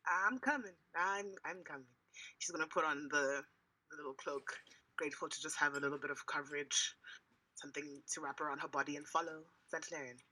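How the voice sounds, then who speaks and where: A woman's voice: sits low, little pitch movement, fast, sharp tone, husky, rough recording. A woman improvising casually as a player in a tabletop roleplaying game.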